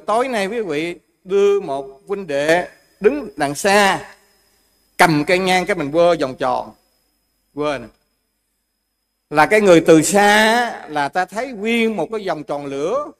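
A man gives a Buddhist dharma talk in a fairly high voice. He explains with homely examples and keeps turning to the listeners with questions. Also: lively intonation, unhurried, a bit bright. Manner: explains with everyday examples, asks the audience questions. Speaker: Buddhist monk teacher.

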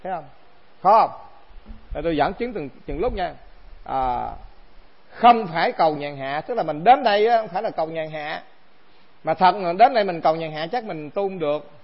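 Man, monk teacher, high voice, chatty dharma talk, lo-fi sound. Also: expressive, brisk. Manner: conversational, asks the assembly rhetorical questions. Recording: dull lo-fi recording.

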